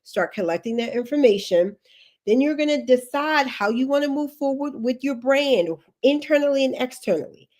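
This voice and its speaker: Her voice is high and a little mellow, moving at a moderate pace. As a career coach livestreaming through allergy sniffles, she gives advice emphatically, repeats the main instructions, and wanders into chatty asides.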